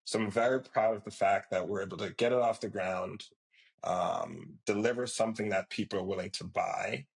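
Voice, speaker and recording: A middle-aged man from Jamaica, a company founder giving a podcast interview. He speaks in a measured, reflective way, with frequent fillers. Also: deep voice, gravelly, low-quality recording.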